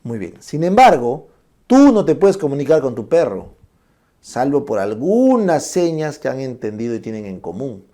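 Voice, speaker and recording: A man giving a classroom lecture on medical terms. He explains each term slowly and keeps checking in with short tag questions. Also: mid-range voice, big pitch swings, dark tone. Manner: explains terms slowly, then shows them aloud.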